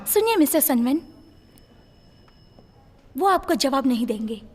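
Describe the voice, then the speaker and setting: Bold young woman: high voice, assertive, in a reverberant film mix with faint score. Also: big pitch swings, unhurried. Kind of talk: film dub.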